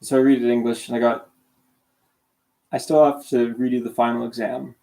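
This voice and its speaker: A Canadian streamer in his late teens, sore-throated and half asleep, rambles through casual livestream chat in a warm, gravelly, mid-range voice. His pitch barely moves and his speed is normal, and he keeps correcting himself, restarting often and running himself down.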